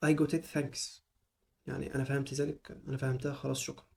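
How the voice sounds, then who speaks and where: A man with an Egyptian Arabic accent teaching English phrases in a casual spoken lesson, repeating each phrase slowly several times. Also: mid-range voice, little pitch movement, vocal fry, husky.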